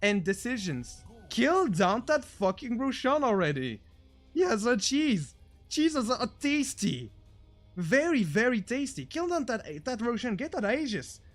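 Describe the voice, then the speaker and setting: Excitable high-voiced male game caster. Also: unhurried, soft background music. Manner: excitable, jokey, swings between mumbled asides and shouted hype. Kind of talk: comedic esports commentary.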